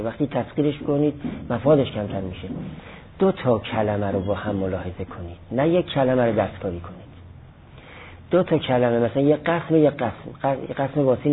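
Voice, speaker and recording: Through phone-like lo-fi audio with a little hiss or hum, a man with a medium pitch lectures on Arabic grammar. His classroom teaching moves step by step, supported by examples, and he fields questions from his students.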